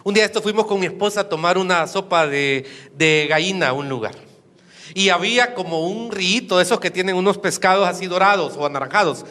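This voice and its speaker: A man's voice: high voice, a little fast, bright, forceful tone. A middle-aged male pastor preaching a sermon in a church, often asking the congregation questions.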